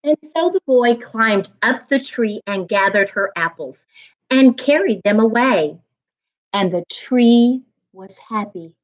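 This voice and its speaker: A woman narrating a children's storybook aloud as a reading coach, with deliberate, expressive phrasing. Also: fairly high pitch, lo-fi sound.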